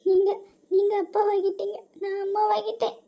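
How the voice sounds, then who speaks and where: Someone voicing a very high, breathy young wife. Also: completely flat delivery, normal speed, lo-fi sound. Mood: nervous, amazed. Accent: southern Tamil Nadu. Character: young wife, emotional and tearful. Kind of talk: cartoon voice acting.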